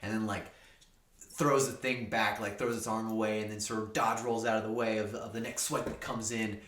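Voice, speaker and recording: A man with a bright, forceful and rather low voice runs a tabletop game as game master. He rambles through the scene with many fillers. The room around him is echoey. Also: little pitch movement, moderate pace, slight background noise. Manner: rambling, filler-heavy descriptive narration.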